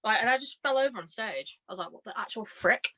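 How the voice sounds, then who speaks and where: This young woman, a stage and radio drama performer guesting on a podcast, talks at a quick pace in a slightly high voice. Casual and chatty, she spins giggly, self-deprecating anecdotes and animatedly acts out the reported dialogue.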